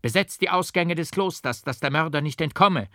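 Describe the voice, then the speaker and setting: A man voicing a calm, gentle old monastery prior who speaks softly and gravely, in a dry audiobook reading. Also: a little high, normal speed, dry recording, pitched above the performer's own voice. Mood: commanding.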